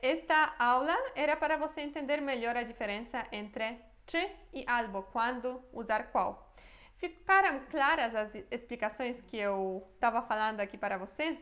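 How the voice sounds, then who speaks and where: Higher-voiced woman teaching a language lesson. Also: animated, moderate pace, fairly bright tone. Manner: patient, repeats examples and checks understanding with "tá?" and "né?". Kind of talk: explaining a grammar lesson to camera.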